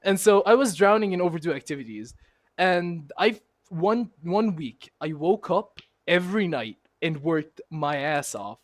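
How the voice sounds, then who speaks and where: A man's voice: a little high, measured pace. A young man co-hosting a podcast, chatting casually and joking with lots of laughter. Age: young adult. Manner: joking, laughs a lot, lively. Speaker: podcast co-host. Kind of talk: casual chat.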